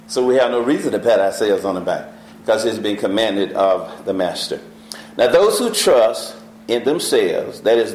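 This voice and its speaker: A man teaching a Bible study class, reading scripture slowly and questioning the class. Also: medium pitch, a little mellow, a little hiss or hum. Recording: echoey church room.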